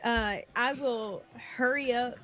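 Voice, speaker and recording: A woman's voice: fairly high pitch, slow, pushed and bright, slight background noise, rough recording. Eager woman playing a tabletop game. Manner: eager, narrates her character's actions. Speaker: player. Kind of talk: casual tabletop game chat.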